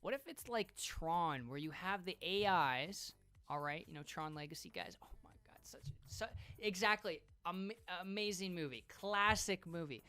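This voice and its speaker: Excitable, rambling woman streamer. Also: fairly low pitch, normal speed. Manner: rambling, excitable, swears often. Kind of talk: live stream reaction commentary.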